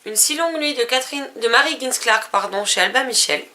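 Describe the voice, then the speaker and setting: A woman's voice: fairly high pitch, lively intonation, brisk, pushed and bright. A woman vlogger casually listing books and publishers, with fillers and self-corrections. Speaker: book vlogger. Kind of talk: casual book haul vlog.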